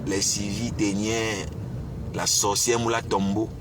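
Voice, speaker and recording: A man's voice: on the low side, level tone, takes it slowly. Man in a scornful rant. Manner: scornful, insulting, repetitive taunting questions. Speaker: live streamer. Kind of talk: angry rant on a live stream. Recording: outdoor street noise with traffic.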